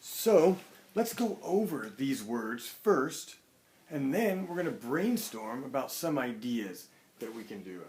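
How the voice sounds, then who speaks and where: A man teaching a writing lesson to young children, explaining things simply and deliberately. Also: medium pitch. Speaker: primary school teacher. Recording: echoey room.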